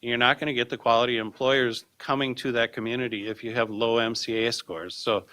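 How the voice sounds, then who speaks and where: A man reading a draft aloud at a board meeting, with halting informal comments and repeated words. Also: mid-range voice, steady tone, sharp tone. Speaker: school board member presenting a draft.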